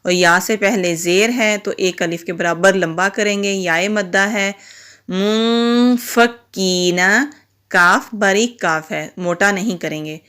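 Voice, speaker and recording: Clear-voiced woman teaching Quran reading. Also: lowish voice, bright, forceful tone. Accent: Urdu. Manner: slow, careful syllable-by-syllable spelling, then brisker explanations. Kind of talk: spelled-out recitation lesson.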